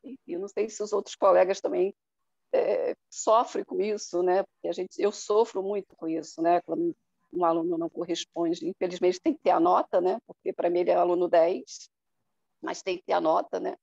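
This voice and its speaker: A woman's voice: fairly low pitch, fairly even intonation, normal speed, vocal fry, a little mellow, no room sound. A woman teacher talking reflectively about her students in a casual online meeting. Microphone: video call. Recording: dry dull video call audio.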